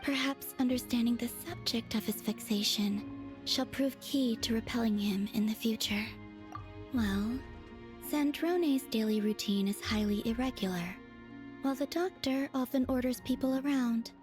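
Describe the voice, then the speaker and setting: A woman voicing a mysterious moon deity who speaks in a measured, soft, often whispery way. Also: fairly high pitch, music in the background, lightly acted. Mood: pensive.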